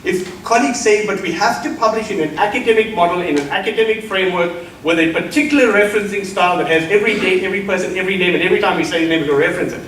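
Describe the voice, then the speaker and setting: Rapid-fire with few pauses, a middle-aged South African man's high, slightly bright voice carries an emphatic keynote lecture addressed to his colleagues. The recording, made in a lecture hall on a distant mic, has roomy echo, faint ambience, and a touch of hiss or hum.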